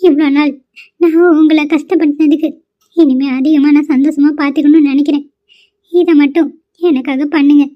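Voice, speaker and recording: A woman's voice: sits high, steady tone, normal speed, natural voice. A woman voicing a remorseful, devoted young wife in a cartoon. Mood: earnest. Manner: pleading, emotional. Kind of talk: cartoon voice acting. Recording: dull lo-fi sound.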